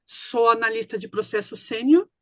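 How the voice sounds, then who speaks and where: 50s woman on a video call, measured, a bit high, dry sound. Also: no echo. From born in Recife, raised in a family from Rio Grande do Sul. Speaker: workshop participant. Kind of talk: self-introduction on a video call.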